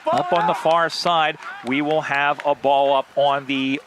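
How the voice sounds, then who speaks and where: A man's voice: on the high side, fairly even intonation, measured pace. Chatty man commentating outdoors. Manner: chatty, drifts into asides. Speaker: play-by-play commentator. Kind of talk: live sports commentary. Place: outdoors beside a sports field. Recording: outdoor field with loud background noise.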